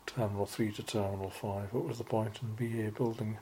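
A man's voice: lowish voice, steady tone, brisk, mellow, a little hiss or hum. A man talking casually about his journey as a travel vlogger. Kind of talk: casual travel vlog talk.

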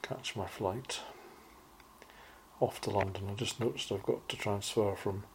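Low-voiced man, casual travel vlog. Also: unhurried, vocal fry, slight background noise. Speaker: travel vlogger.

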